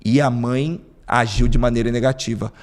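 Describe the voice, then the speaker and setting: A man's voice: medium pitch, fairly even intonation, moderate pace, big-room sound. A man hosting a parenting podcast, speaking emphatically with frequent rhetorical questions. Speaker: psychoanalyst host. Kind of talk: podcast discussion.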